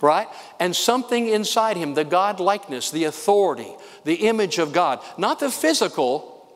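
Excited older man preaching a sermon. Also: high-pitched, in a large hall. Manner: excited, fast, emphatic preaching. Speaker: pastor.

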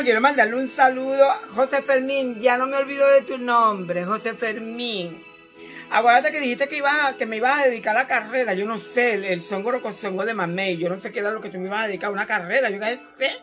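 A middle-aged woman from Caracas with a Venezuelan accent, hosting a casual live chat from her living room, animated and affectionate with her listeners. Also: a little high, a little fast, soft background music. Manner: animated and chatty, calls listeners "my love". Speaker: host. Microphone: phone at arm's length.

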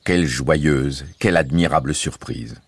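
A man reading a novel aloud as a radio serial, in measured, expressive storytelling. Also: very deep voice, breathy edge, no echo. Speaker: reader.

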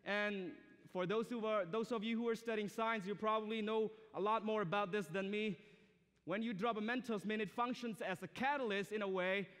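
He's a young man from Myanmar speaking English, his first language being one of Myanmar's, who preaches to students as a guest with polite, earnest, conversational warmth. His high voice is smooth and a bit bright, with a steady tone and moderate pace. The setting is a large indoor auditorium stage, with the hall's reverberation audible.

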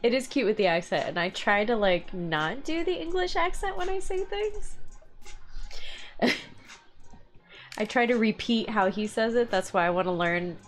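A woman in her thirties co-hosts a live stream of miniature painting from her indoor home hobby room, chatting casually and laughing often between remarks. Her slightly high voice swings widely in pitch at normal speed, with long pauses and faint music behind.

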